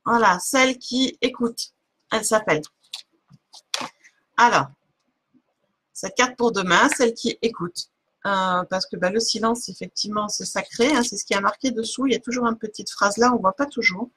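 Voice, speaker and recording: A woman's voice: fairly high pitch, normal speed, pauses often, pushed and bright, breathy edge. A woman giving a live oracle card reading on a stream, casual and hesitant, stopping often to search for words. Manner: many fillers and restarts, laughs at herself.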